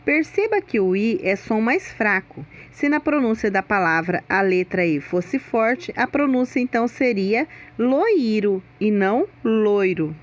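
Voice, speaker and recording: A woman teacher giving a scripted grammar lesson, speaking slowly and deliberately and stressing the sounds in example words. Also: fairly high pitch, animated. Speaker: Portuguese teacher.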